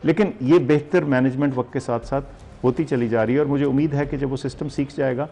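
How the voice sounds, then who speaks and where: A man with a Pakistani accent answering interview questions as a health official, in a measured, polite, explanatory way. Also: mid-range voice, fairly even intonation, gravelly, warm tone.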